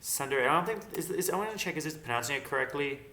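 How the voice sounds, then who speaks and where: A man's voice: on the high side, animated, rapid-fire, sharp tone. A man hosting a casual video, thinking aloud and joking as he chats with an AI. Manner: thinks aloud, jokey, narrates his clicks. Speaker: video host. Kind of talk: casual chat with an AI. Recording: echoey room with typing.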